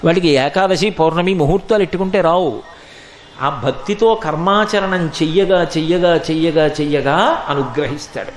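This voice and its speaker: High-voiced man giving a storytelling sermon. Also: moderate pace, roomy sound. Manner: animated storytelling, acting out quotes, chanting verses. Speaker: spiritual discourse speaker.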